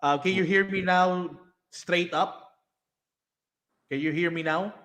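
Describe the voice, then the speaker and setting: A Filipino man speaks high, with a ready, apologetic laugh. His voice arrives over a bad internet link that makes it choppy and robotic. The room around him rings with echo. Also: steady tone, takes it slowly, a bit bright. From Philippines. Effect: choppy, robotic bad internet connection. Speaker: host. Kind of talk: online interview. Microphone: video call. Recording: echoey room over a breaking-up call.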